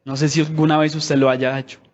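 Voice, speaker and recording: A man's voice: on the high side, flat delivery, a little fast, lo-fi sound. A man preaching a sermon in a conversational way, asking the congregation many rhetorical questions.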